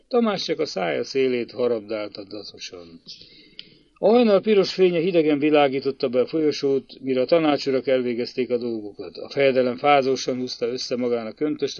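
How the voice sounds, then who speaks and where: A man narrating a story in a measured, dramatic reading. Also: medium pitch, dry recording. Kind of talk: audiobook narration. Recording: dull lo-fi dry recording.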